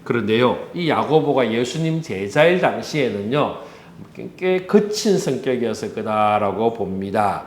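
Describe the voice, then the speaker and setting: A man's voice: mid-range voice, animated, a little slow, reverberant. A man with a Busan Korean accent, a pastor giving a conversational sermon that he keeps moving with rhetorical questions. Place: church.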